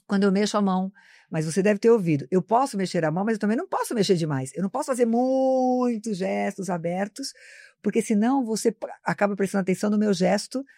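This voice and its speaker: A woman's voice: mid-range voice, fast talker, warm tone, no room sound, clean studio sound. A woman who teaches marketing, explaining communication as a guest in a live interview, in an instructive, lecturing way. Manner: didactic, explanatory, addresses host by name. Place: studio, live broadcast.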